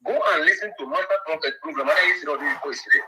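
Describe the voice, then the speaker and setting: Calling in to a talk show over a speakerphone, a man sounds hesitant, fills his speech with fillers and often repeats himself. His voice is on the high side and racing, with crowd noise behind him and a rough recording quality.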